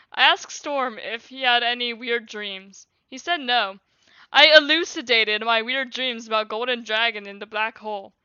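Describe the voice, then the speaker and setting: A woman's voice: on the high side, bright, forceful tone, smooth, no room sound, lo-fi sound. A young woman in her late teens, a streamer, reading her childhood journal aloud with laughing casual asides.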